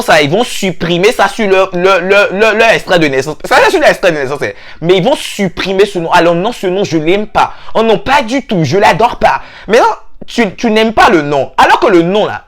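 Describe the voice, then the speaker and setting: A young man with an Ivorian French accent tells a comic vlog story. His pitch swings widely, and he breaks into sudden high-pitched squeals to mimic people. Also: big pitch swings, brisk, hardly any pauses, fairly bright tone. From Ivory Coast. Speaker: vlogger. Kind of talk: comedic storytelling monologue.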